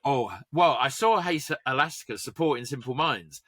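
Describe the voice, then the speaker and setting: Bright-voiced middle-aged man. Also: medium pitch, fairly quick, husky. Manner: rambling, digressive, trivia-heavy. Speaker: podcast co-host. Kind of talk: casual chat.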